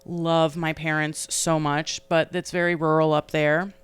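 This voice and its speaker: A young woman chatting on a podcast, her voice smooth and clear, pitched a little low. She tells stories animatedly and laughs often as she goes. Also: level tone, unhurried, no room sound. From New England. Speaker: podcast co-host. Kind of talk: casual chat.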